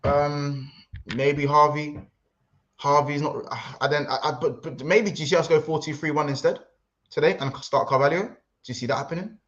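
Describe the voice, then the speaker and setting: A man hosting a casual football livestream, rambling and excitable, reading out chat messages. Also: a little high, normal speed, dull audio. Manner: excitable, rambling, London slang. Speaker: livestream host.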